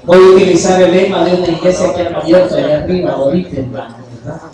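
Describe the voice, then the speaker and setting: A man's voice: fairly high pitch, steady tone, fast talker, a crowd in the background. A male pastor preaching a sermon in a church hall, drawing the congregation in with call-and-response and rhetorical questions, mixed with jokey asides. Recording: very echoey church hall, mic far off, faint noise.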